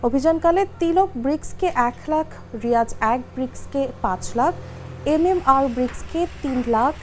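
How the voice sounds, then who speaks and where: A woman reading a scripted news report in a formal, even voice-over. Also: high-pitched, normal speed, a little hiss or hum. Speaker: news reader.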